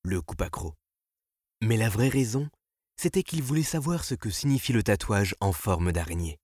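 Man narrating a story, husky, lively intonation, dry sound. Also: fairly low pitch, normal speed. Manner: expressive, dramatic. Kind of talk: audiobook narration.

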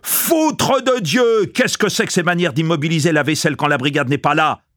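A man's voice: fairly high pitch, lively intonation, brisk, no room sound, studio quality, voice pushed up. A man doing a furious bellowing camp cook. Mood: bellowing, suspicious. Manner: shouting, suspicious. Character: angry bellowing male prison camp cook.

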